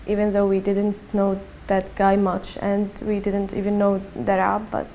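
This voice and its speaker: A twenty-one-year-old woman from Syria with a Syrian accent, giving a halting personal testimony in an interview and often repeating her words. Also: medium pitch, monotone, creaky, mellow, a little hiss or hum.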